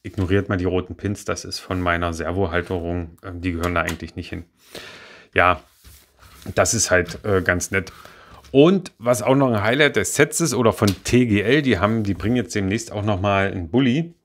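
A man with a somewhat low voice talks through a brick-built car model in a loose, unscripted review. He hesitates often, fills pauses and corrects himself mid-sentence. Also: slight background noise. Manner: rambling, hesitant, many fillers and self-corrections. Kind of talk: casual spoken product review.

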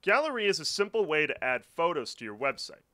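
The voice-over comes from a man with a fairly high, sharp voice that moves briskly and shifts a lot in pitch. He narrates a scripted website setup tutorial over a screen recording, laying out the steps clearly.

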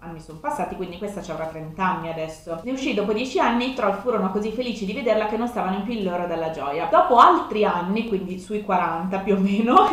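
A woman in her thirties hosting a video, casually reading her old stories aloud and breaking off to make fun of them. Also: medium pitch. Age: 30s. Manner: self-mocking, breaks off to comment. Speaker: video host. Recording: very echoey room.

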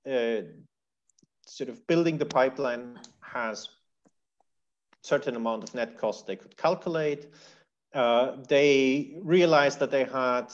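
Measured analytical man, muffled audio. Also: mid-range voice. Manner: measured, analytical, with frequent pauses and restarts. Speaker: panelist, policy analyst. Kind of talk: panel discussion.

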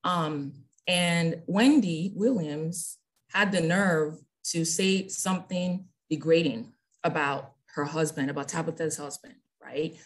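A woman's voice: low voice, slow. A woman leading a casual bible study over a group call, talking in a chatty way and often ending her points with "right?". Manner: chatty, ends phrases with "right?".

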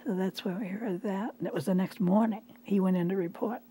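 A woman's voice: mid-range voice, fairly even intonation, fairly quick, mellow, a little hiss or hum. An elderly woman, reminiscing in an interview. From Maine, United States. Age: 80s or older. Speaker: interviewee recalling her wartime life. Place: living room at home, indoors.

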